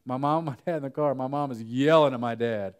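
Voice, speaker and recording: A young man giving a lively conference workshop talk, telling funny stories to the room. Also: mid-range voice, fast talker, smooth. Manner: animated storytelling, jokes with the audience. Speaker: workshop speaker. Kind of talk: conference breakout presentation.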